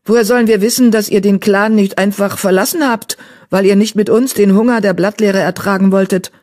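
A woman's voice: high-pitched, moderate pace, pitched above the performer's own voice, natural voice. A woman voicing a hungry, resentful female warrior cat in an audiobook, speaking in a hissing, accusing way.

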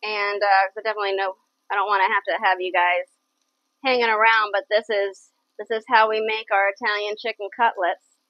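A woman's voice: medium pitch, flat delivery, fairly quick, dry recording, lo-fi sound. A woman hosting a live cooking show in her kitchen, chatty and enthusiastic, often repeating herself. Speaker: cooking channel host. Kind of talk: casual live cooking chat. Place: home kitchen.

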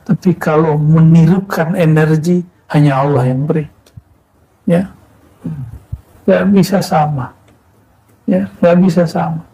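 Husky dark-voiced preacher guy, thirties, from west sumatra, calm teaching, lots of "ya". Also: fairly high pitch, low-quality recording. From West Sumatra, Indonesia. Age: 30s. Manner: calm teaching, rhetorical questions, frequent "ya". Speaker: Islamic preacher. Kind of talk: sermon to students.

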